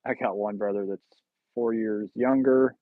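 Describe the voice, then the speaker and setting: A man's voice: fairly low pitch, steady tone, measured pace, no echo. Man chatting on a tinny livestream. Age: 30s. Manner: jokey, rambling, self-teasing. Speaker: livestream host. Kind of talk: casual livestream chat with viewers. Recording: tinny phone-like, dry sound.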